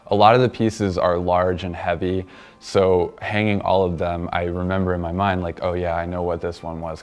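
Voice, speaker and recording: A man who organizes events, recalling his experience in a casual interview. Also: deep voice.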